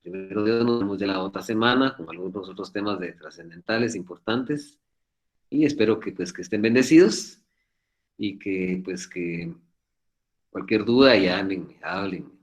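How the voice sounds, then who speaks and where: A man teaching an online law class over a video call, talking fast in an earnest, fatherly, repetitive way. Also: fairly low pitch. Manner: talks fast, admits he speaks too quickly. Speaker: law professor.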